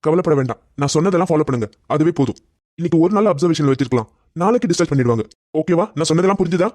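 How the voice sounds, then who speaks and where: Cartoon role: a man playing a fast-talking, reassuring doctor, raised pitch. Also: lively intonation, a little mellow, no room sound, natural voice. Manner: reassuring, explaining. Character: calm hospital doctor, adult man.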